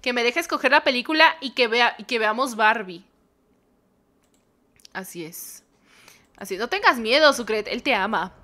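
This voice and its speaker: Excitable Mexican woman with a bright voice. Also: fairly high pitch, moderate pace, pauses often. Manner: playful and excitable, breaks into squeals and joking swears. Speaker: gamer. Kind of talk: reading aloud and reacting to a dating game.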